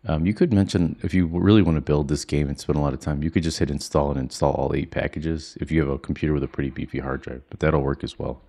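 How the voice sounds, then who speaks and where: Here a man with a very deep, dark voice runs through a coding tutorial captured on screen at home, where children are sleeping close by. He talks fast with few pauses, yet stays quiet, flat and low-key, chatting loosely with lots of fillers.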